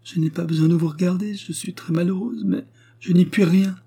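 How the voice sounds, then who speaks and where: A man voicing a distressed, tearful young woman in her twenties, pleading and gentle. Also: high voice, steady tone, brisk, vocal fry, husky, pitched above the performer's own voice, exaggerated voice. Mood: despairing. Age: 20s.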